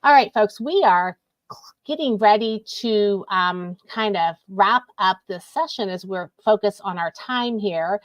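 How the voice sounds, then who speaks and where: A woman's voice: mid-range voice, a little slow, dry recording. A woman moderating a virtual teacher panel, affirming the speakers and summing up their takeaways. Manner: encouraging, affirming, wraps up with takeaways.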